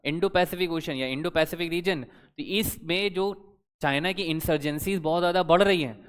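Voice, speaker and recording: A young man leads an exam-prep lesson in a conversational, quizzing way, often asking his students questions. His voice is smooth and sits a little high. A long reverb trails behind his words, as if he is speaking in a hall. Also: moderate pace. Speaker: current affairs teacher.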